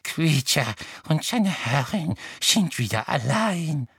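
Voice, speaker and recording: A man voicing a spiteful, servile old male house-elf who speaks of himself in the third person, hoarse and cackling. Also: on the high side, sing-song, a bit bright, no echo, clean studio sound, pitched above the performer's own voice, exaggerated voice. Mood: gloating. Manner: slow, gloating, talks of himself in third person.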